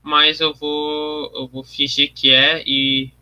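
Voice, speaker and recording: Bright-voiced man streaming his art. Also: a little high, level tone, slow, clean tone, dull audio. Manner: thinking aloud while he works, explaining his process to chat; reads viewer comments aloud and answers them. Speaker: artist streaming his work. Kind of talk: casual livestream commentary.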